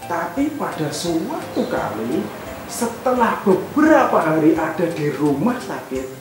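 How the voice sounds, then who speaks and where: Brief: low-voiced woman as children's church storyteller, gentle and questioning, echoey room with music.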